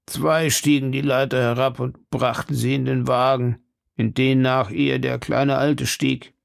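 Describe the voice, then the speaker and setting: Man narrating with a gravelly voice. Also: medium pitch, no echo, studio quality. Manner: steady, measured storytelling. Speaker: audiobook narrator. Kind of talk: scripted narration.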